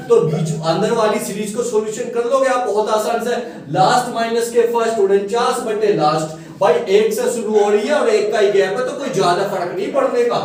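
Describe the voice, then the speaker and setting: Male maths tutor, high-pitched, coaxing, recorded far from the mic. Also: darkish tone. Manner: coaxing, keeps checking students follow. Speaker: maths teacher. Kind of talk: classroom-style maths lesson. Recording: echoey room, far from mic.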